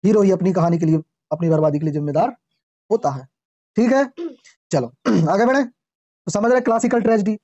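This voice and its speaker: Male teacher, classroom lecture, slow English reading then Hindi explanation, quizzes the class, frequent throat clearing, dull lo-fi sound. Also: sits high, animated, mellow, no room sound. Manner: quizzes the class with repeated questions.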